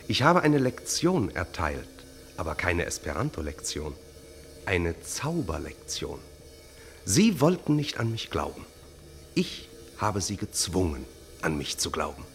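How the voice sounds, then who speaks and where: A theatrical stage magician, mocking and vengeful, in an old-style radio play. His voice swoops hugely from low murmurs to high exclaims. He talks slowly and hypnotically, as if casting a spell. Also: fairly bright tone. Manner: slow, hypnotic, commanding delivery. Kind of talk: vintage radio play acting.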